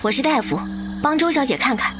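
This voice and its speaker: A sharp-tongued village doctor. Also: female voice, high voice, expressive, brisk, background noise. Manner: cool, cutting retorts. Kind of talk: animated drama dubbing.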